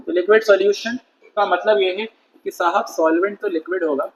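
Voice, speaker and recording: A man's voice: high voice, fairly quick. A man teaching a chemistry class in a chatty lecture style, questioning and scolding his students. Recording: dull lo-fi sound with faint noise.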